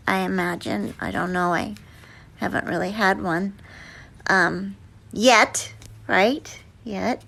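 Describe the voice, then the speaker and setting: A woman's voice: mid-range voice, gravelly, fairly bright tone. A woman being interviewed as an actress guest, telling stories in a rambling way with many fillers and restarts. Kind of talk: interview answers, storytelling.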